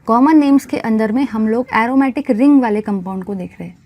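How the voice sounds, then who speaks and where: High-voiced woman teaching chemistry. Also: brisk, darkish tone, slight background noise. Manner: repeats questions and answers them herself, coaxing; addresses students as bhai and guys. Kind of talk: classroom lecture to students.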